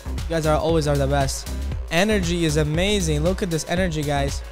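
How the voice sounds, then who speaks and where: With music in the background, a young Ukrainian man talks a little fast as he teaches coding live, chatting with viewers while he types. He's upbeat and exclamatory, saying boom and beautiful again and again. His setup is a small home studio with a studio mic on an arm and headphones.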